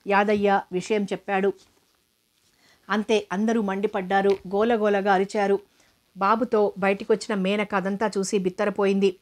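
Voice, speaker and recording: Woman reading a novel out loud, pretty flat and even, mid pitch. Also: normal speed. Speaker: narrator.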